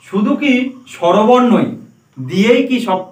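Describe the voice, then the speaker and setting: A man's voice: high voice, a little slow, recorded from a distance. A man teaching a class, quizzing pupils one by one and spelling out letters for them. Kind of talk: classroom lesson. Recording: roomy classroom, voice from afar.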